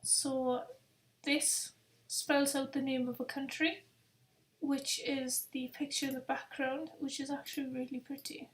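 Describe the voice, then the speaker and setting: A high-voiced woman runs a casual quiz for her viewers. She sounds tired and chatty, reading questions slowly and looping back over them. Her voice rings in a noticeably echoey room. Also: little pitch movement. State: tired, yawning. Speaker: quiz host on a live stream. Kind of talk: casual live-stream chat.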